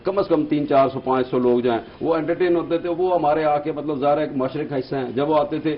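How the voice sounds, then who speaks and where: A man's voice: fairly high pitch, steady tone, fast, lo-fi sound. A man, a guest on a talk show, chatting casually and telling joking stories. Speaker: guest, event organizer.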